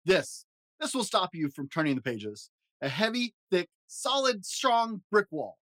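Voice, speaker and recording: A man's voice: sits high, very animated, unhurried, a bit bright, dry recording, pitched above the performer's own voice, full character voice. Grover, a man playing a nervous furry monster. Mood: pleading. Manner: fretful, begging, dramatic exclamations. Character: lovable furry blue male monster, nervous and pleading. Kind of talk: storybook reading.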